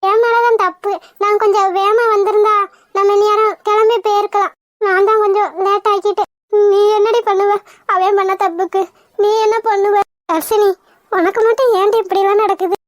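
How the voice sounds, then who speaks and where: A woman's voice: very high-pitched, steady tone, normal speed, no echo, clean studio sound. A woman voicing young women in a cartoon, emotional and pleading by turns. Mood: consoling. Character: young women, spirited but put-upon. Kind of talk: cartoon voice acting.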